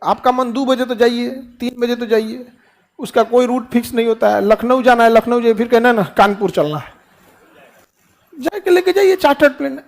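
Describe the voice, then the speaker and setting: A man's voice: extremely high pitch, normal speed. A man giving a motivational talk to a class as their teacher, folksy and joking, asking questions and answering them himself. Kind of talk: lively classroom motivational speech.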